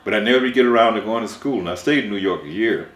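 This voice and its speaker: A man's voice: fairly low pitch, very fast, fairly bright tone, reverberant. An older man from Mississippi, a songwriter, recalling his life in a rambling way with many restarts.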